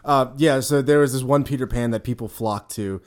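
Guy on a podcast telling stories, animated, lots of likes and you knows, medium voice. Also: mid-range voice. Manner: animated storyteller, quick, filler-heavy. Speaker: podcast co-host, former costumed character performer. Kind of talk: casual podcast chat.

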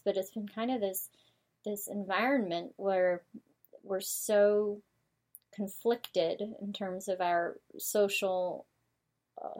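A woman hosts her own talk show in a loose monologue. She rambles through her thoughts with frequent fillers and restarts. Her voice sits at an ordinary middle pitch. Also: darkish tone. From United States. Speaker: show host.

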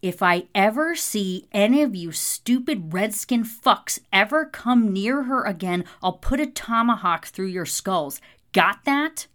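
A man's voice: fairly high pitch, measured pace, a bit bright. A woman voicing an angry young male federal marshal who growls and swears out threats. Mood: furious, threatening.

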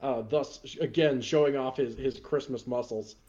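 A man's voice: medium pitch, fairly even intonation, moderate pace, warm tone, highs cut off. A man acting as game master, narrating an improvised tabletop game in a casual way.

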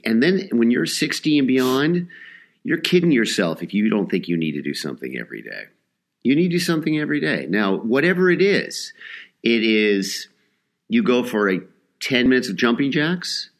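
A man's voice: on the low side, a bit bright. An older man co-hosting a podcast, giving blunt, emphatic advice in casual chat. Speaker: podcast co-host.

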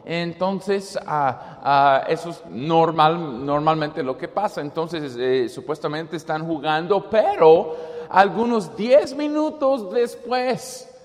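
A man's voice: fairly high pitch, takes it slowly, big-room sound. A man preaching as a missionary, telling a made-up story with many fillers and restarts and acting out the quotes.

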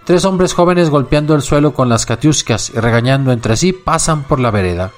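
Measured male audiobook narrator. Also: mid-range voice, expressive, soft background music.

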